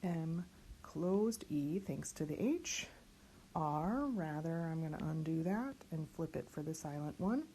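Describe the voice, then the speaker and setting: A woman leads a diction lesson, working through letters and vowel sounds one at a time. She speaks very slowly, in a voice on the low side for a woman. A faint hiss of room noise sits behind her. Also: lively intonation, mellow. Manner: slow, careful, spells out sounds and letters. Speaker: voice and diction teacher.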